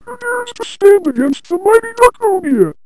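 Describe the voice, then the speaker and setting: A woman's voice: extremely high pitch, big pitch swings, moderate pace, heavy background noise. A woman voicing an arrogant, vengeful male villain overlord who makes pompous, theatrical threats in a fan audio drama. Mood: scornful. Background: background music.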